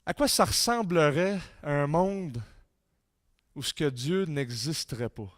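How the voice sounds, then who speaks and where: A man with a Québécois French accent giving a sermon-style talk in a church, reading quotes with rising force and dropping low for emphasis. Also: animated, slow pace, no echo, studio quality. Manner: reads quotes aloud with rising intensity, drops low for emphasis. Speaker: conference speaker.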